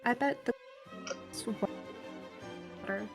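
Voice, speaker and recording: Woman, soft-spoken, high voice, glitching audio that cuts out, online voice call, faint music behind. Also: big pitch swings, takes it slowly, vocal fry. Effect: glitching audio that keeps cutting out. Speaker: tabletop roleplay player. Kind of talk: casual roleplay over voice chat. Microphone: computer microphone on an online voice call.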